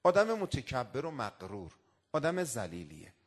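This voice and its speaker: A man's voice: mid-range voice, huge pitch swings, slightly rough. A male cleric delivering a sermon, building into emphatic declamations and reciting Arabic quotations. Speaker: cleric preacher.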